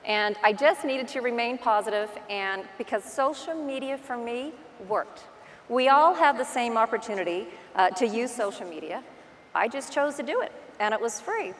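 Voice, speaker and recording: Speaking with lively intonation at a moderate pace, a woman with a fairly high voice and a Newfoundland accent gives a relaxed, self-deprecating motivational talk, acting out asides as she tells stories. She's a real estate agent at a large indoor conference, and the stage recording has long hall reverb plus slight hiss or hum.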